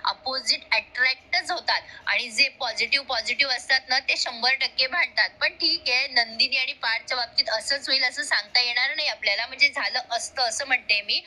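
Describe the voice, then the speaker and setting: Chatty woman with a bright, high voice. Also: brisk, hardly any pauses. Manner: chatty, addresses viewers directly. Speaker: TV serial recap narrator. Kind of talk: casual storytelling recap.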